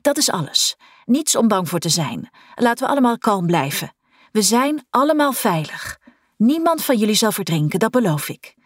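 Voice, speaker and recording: A woman's voice: medium pitch, very animated, normal speed, no echo, studio quality, pitched above the performer's own voice. A woman doing a firm, raised-voiced swim teacher. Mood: urgent, commanding. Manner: raised, firm, reassuring commands. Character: young woman swimming teacher, calm and commanding.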